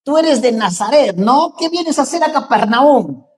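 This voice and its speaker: A man with a Mexican accent voicing a hostile, taunting male demon, shouting his taunts in a shrill voice. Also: animated, moderate pace. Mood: shrieking taunts.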